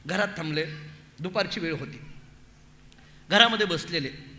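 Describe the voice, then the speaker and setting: High, bright preacher in an echoing hall. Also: male voice, moderate pace, a little hiss or hum. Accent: Marathi. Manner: animated, acts out voices of the story figures. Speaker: kirtan preacher. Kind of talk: devotional storytelling sermon. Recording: echoey hall with long reverb.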